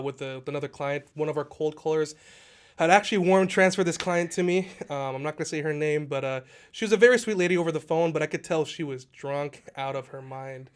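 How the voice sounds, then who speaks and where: A man with a high voice tells stories from his real estate work at a rapid clip. He speaks in a lively, casual way, acting out the people in his stories. He sounds like a guest on a podcast. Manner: animated, laughing, acts out quoted people. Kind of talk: casual storytelling.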